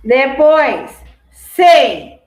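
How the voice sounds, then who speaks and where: A Brazilian Portuguese-speaking woman teaching a class, slowly spelling out and repeating words for her students in a patient manner. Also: high-pitched, very animated, a little mellow, roomy sound, faint music behind.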